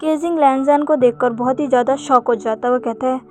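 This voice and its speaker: A woman retelling a fanfic story in steady, plain narration. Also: high-pitched, a little fast, soft background music.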